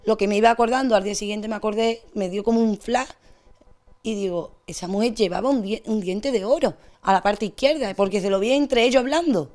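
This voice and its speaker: A young woman with an Andalusian accent, giving a distressed, rushed account as an interviewee. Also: mid-range voice, darkish tone. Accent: Andalusian Spanish. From Spain. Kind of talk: emotional testimony.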